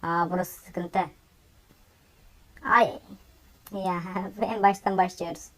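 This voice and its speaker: A woman giving excitable gameplay commentary, often exclaiming and laughing as she plays. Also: on the low side, slow pace. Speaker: gaming YouTuber.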